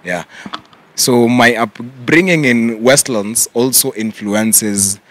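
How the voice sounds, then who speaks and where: A young man with a Kenyan accent, answering interview questions in a relaxed way and mixing English with Swahili slang. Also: mid-range voice, slow. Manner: relaxed, mixes English and Swahili slang, says "yeah" often. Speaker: content creator guest.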